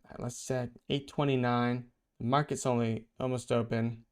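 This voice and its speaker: A man hosting a vlog, chatting casually and thinking out loud while he reads a comic aloud. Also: medium pitch, flat delivery, moderate pace, clear, resonant tone. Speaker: vlog host.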